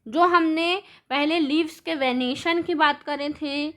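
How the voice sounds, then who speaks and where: Bright high-voiced woman teaching science. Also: slow. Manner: asks the class questions and answers them herself; mixes English terms into Hindi. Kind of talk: classroom lesson explaining with drawings.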